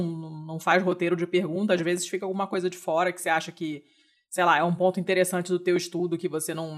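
Casual chatty woman host. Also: on the low side. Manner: relaxed, chatty interviewer. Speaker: podcast host. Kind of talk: casual podcast chat.

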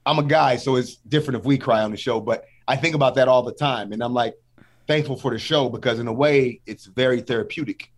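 A man's voice: mid-range voice, fairly quick. A middle-aged man talking earnestly and emotionally as a guest in a casual podcast chat.

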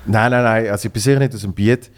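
A man with a Basel Swiss German accent, hosting a podcast and chatting in a relaxed, easy way. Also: on the low side, fast talker. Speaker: podcast host. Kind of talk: casual chat.

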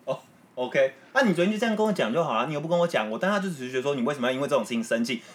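A young man, co-hosting a podcast as casual chat in a camping tent, animated and joking. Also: medium pitch, rapid-fire. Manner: animated, joking, retells quarrels. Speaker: podcast co-host.

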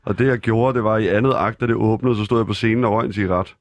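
A man's voice: on the low side, fairly even intonation, no room sound. A man in a casual podcast chat, a guest who talks in a laid-back, dryly humorous way.

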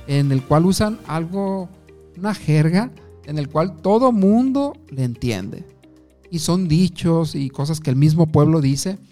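A man teaches communication skills, speaking directly to the listener and asking questions. His voice is mellow and pitched a little high. Soft background music plays faintly underneath. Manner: asks the listener questions, tells short anecdotes. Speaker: communication coach. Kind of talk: instructive talk to the listener.

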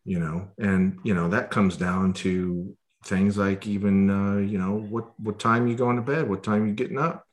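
Male host, lowish voice, earnest coaching tone, halting with fillers. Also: fairly even intonation. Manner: earnest advice with many fillers. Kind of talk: casual chat.

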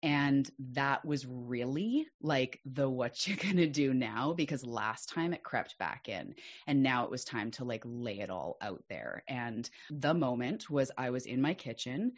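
A woman with an unusually deep, low voice shares a personal story as a podcast guest. She speaks candidly and earnestly, and her pitch leaps up when she grows excited. The recording sounds a little dull and muffled. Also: a little slow, hardly any pauses.

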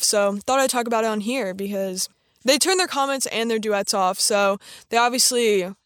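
A woman's voice: fairly high pitch, a bit bright, no room sound, studio quality. A teenage girl chatting casually and sarcastically, filling her talk with "like". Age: teens. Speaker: influencer. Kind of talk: casual chat.

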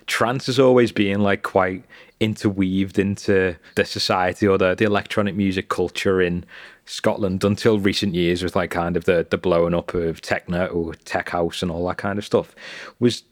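A man's voice: low-pitched, fairly even intonation, moderate pace, no room sound, studio quality. A man hosting a podcast, asking long, winding questions padded with "like" and "kind of". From Liverpool, England. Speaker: podcast host. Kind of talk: podcast interview.

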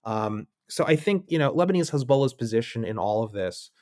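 A man speaks as a guest analyst in a relaxed podcast interview, his voice sitting at an ordinary middle pitch. He thinks aloud and drops wry asides and quick mock voices into his points. The recording is close and dry, with no room sound. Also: no echo. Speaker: guest analyst on militia groups.

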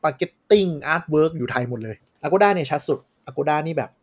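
A man's voice: on the high side, lively intonation, unhurried. A man co-hosting a podcast in casual chat, frankly explaining things with examples. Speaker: podcast co-host.

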